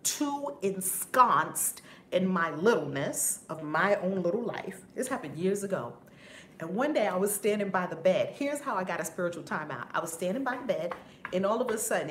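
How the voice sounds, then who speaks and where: Woman, spiritual teacher, lively livestream talk, frequent laughter, casual swearing, echoey room, faint noise behind. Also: mid-range voice. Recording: roomy with faint background noise.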